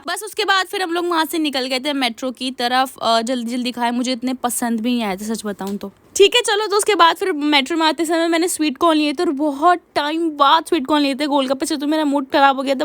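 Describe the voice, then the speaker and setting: High-pitched woman rambling through a vlog voice-over, super dry sound, no room at all. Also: fairly bright tone, no room sound. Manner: chatty, rambling with many fillers. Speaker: vlogger.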